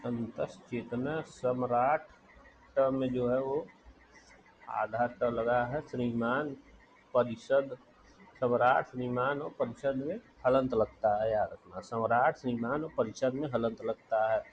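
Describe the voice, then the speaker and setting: Man, teacher, spelling lesson, very slow repeated dictation, slightly dull audio, faint background hum. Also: medium pitch, fairly even intonation. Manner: repeats each word slowly and deliberately.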